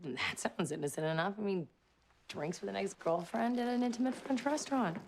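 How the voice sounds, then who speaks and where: An actress playing a suspicious, sarcastic wife in a sitcom scene. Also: female voice, medium pitch, fairly quick, gravelly, a little mellow, a little hiss or hum, close to an everyday voice. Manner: sarcastic, pointed. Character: suspicious, sharp-tongued wife. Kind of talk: sitcom acting.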